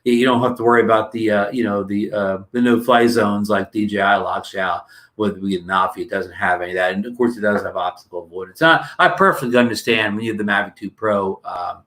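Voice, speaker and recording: Here the same New Jersey streamer talks in a lowish, somewhat bright voice and moves along fairly quickly. He greets his viewers in a loose, rambling way, full of fillers and false starts, with a dry throat.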